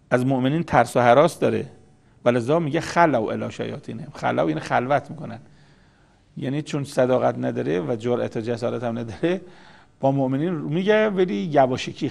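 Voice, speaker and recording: A man's voice: mid-range voice, gravelly. A man giving a religious lecture on scripture, explaining terms patiently and repeating key words for emphasis. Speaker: Quran commentator.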